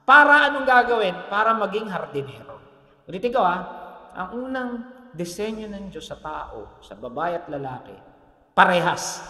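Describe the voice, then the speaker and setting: Filipino man, pastor, sermon, very high voice, lively pitch, playful asides, echoey church hall with long reverb. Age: middle-aged. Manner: joking, animated preaching with asides to the congregation.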